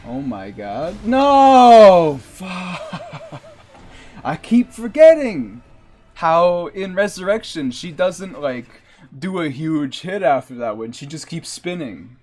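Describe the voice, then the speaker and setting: A man's voice: fairly high pitch, lively intonation, unhurried. A man streaming a video game, rambling in casual commentary and swearing at the boss now and then.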